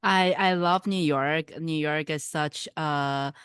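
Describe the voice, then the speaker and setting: A woman's voice: low voice, slow, a bit bright, clear, resonant tone, dry recording, studio quality. A woman from Taiwan, a filmmaker answering questions thoughtfully and often searching for words. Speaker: filmmaker and producer.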